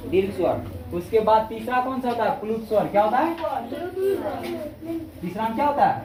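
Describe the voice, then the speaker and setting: A woman's voice: a little high, animated, crowd noise. Teacher woman drilling vowels in echoey classroom. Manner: repetitive questioning, drawn-out vowel demonstrations, scolding. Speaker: Hindi grammar teacher. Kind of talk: classroom lesson with call-and-response drilling. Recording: echoey room from far off.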